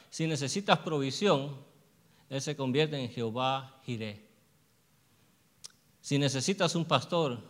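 A man's voice: mid-range voice, fairly bright tone. Male preacher, sermon delivery, mid-range voice, call-and-answer questions, long church reverb. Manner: asks the congregation questions and answers them himself; slows down to stress verses.

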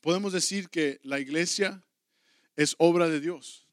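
A man's voice: on the high side, unhurried, no room sound, studio quality. A man teaching a Bible class as a pastor, earnest and emphatic, repeating key phrases and calling the listeners to respond. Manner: earnest, repetitive preaching with rising emphatic calls. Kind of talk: sermon-style Bible teaching.

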